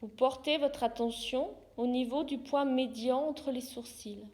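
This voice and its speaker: Calm and very slow, a high-pitched yoga therapist guides listeners through yoga nidra relaxation. She gives short, soothing directions and leaves pauses between them.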